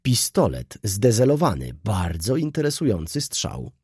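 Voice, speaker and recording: A man reading an audiobook, voicing an excitable, pedantic scholar who exclaims his findings. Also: lowish voice, unhurried, husky, no echo, studio quality, full character voice. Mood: excited. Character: excitable learned male egyptologist, pedantic.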